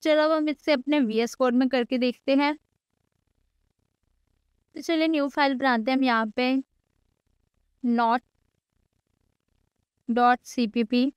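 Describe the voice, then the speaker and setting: A woman's voice: sits high, fairly even intonation, slow, pauses often, smooth, no echo, muffled recording. A woman teaching a coding lecture in a chatty way, mixing English code terms into Hindi and adding teasing asides to her students. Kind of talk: casual screen-recorded coding lecture.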